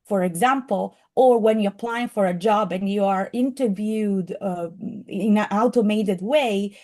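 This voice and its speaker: A woman's voice: mid-range voice, measured pace, mellow. Woman with a strong Italian accent. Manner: earnest, with frequent fillers and restarts. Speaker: program presenter. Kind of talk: presentation to an audience.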